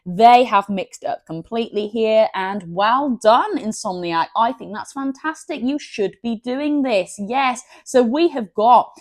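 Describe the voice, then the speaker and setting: A woman's voice: fairly high pitch, measured pace, few pauses, no echo, studio quality. A woman hosting a gaming channel, chatting enthusiastically about box art and often stumbling over her words. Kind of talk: casual unboxing commentary.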